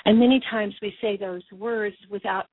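A woman leads a guided breathwork meditation like a spiritual healer, in a breathy, soothing delivery with deliberate pauses. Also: medium pitch, fairly even intonation. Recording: muffled phone-like sound in an echoey room.

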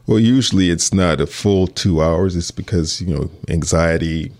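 A man with a very deep voice answers as a police detective. He speaks earnestly but haltingly, often restarting his sentences. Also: darkish tone. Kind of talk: interview answers.

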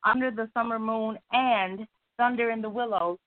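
A woman's voice: fairly high pitch, fairly even intonation, normal speed. A woman calling into a radio show over a phone line, cheerful and giggly. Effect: call-in voice over a phone line.

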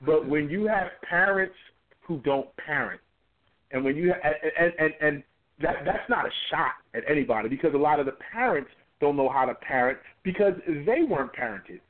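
A man's voice: a little high, expressive, normal speed. A man in his forties, a pastor being interviewed, talking emphatically and often repeating words as he builds a point. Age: 40s. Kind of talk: conversational interview. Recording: tinny phone-line audio.

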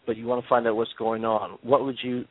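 A man's voice: medium pitch, flat delivery, brisk, no room sound. A man hosting a radio interview who asks long, meandering questions with many hesitations. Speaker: radio show host. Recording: dry, tinny phone line.

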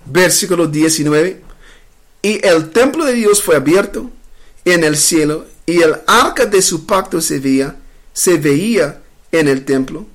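A man with a fairly high voice leads a live-streamed bible study. He reads scripture aloud and then explains it, stopping and restarting often as he talks. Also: expressive. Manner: halting, many fillers and restarts. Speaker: bible teacher.

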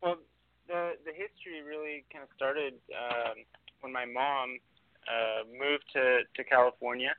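Flat-toned male guest on a phone line. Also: medium pitch, a little slow, background noise. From Argentina. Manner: relaxed storytelling with fillers. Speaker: guest winemaker. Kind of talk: casual interview.

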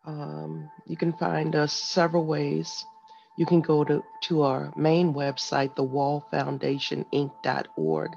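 A man's voice: on the high side, slow pace, creaky, a little mellow. A man hosting a guided meditation and motivational segment, speaking to listeners directly in short, instructing phrases. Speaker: host of a morning wellness segment. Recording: dull lo-fi sound with music behind. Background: music.

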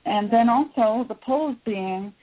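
A middle-aged psychologist who was raised in Taiwan appears as a guest, and her voice sits on the high side. She answers the interview questions thoughtfully, with plenty of pauses and fillers, over a tinny phone line.

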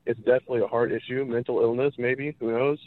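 This California caller to a radio show talks fast in a steady mid-range voice. The tinny, dry phone line carries his earnest opinion, which he drives home by repeating himself.

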